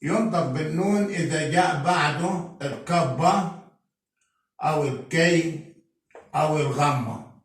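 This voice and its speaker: Egyptian male teacher, slow and deliberate, repeats words; distant mic in a very reverberant room. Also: on the high side. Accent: Egyptian Arabic. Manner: repeats each example word slowly. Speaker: Coptic language teacher. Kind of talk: slow spelled-out pronunciation lesson. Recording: very echoey room, mic far off.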